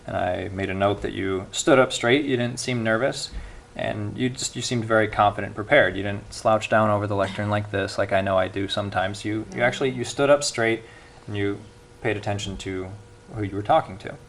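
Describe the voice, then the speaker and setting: A man's voice: on the low side, steady tone, brisk, creaky, a bit bright, slight background noise. A young man giving an earnest speech evaluation at a club meeting, with frequent restarts.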